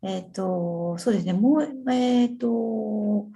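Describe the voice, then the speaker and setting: A woman's voice: medium pitch, slow pace, vocal fry, mellow. A woman moderating a webinar, politely thanking speakers and reading out questions. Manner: polite, brief.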